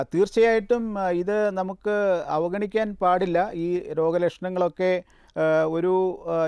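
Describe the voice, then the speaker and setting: Measured gravelly-voiced male doctor. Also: a little high, darkish tone, no echo, studio quality. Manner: slow and measured, many hesitant fillers. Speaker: doctor answering viewer calls. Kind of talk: TV health phone-in.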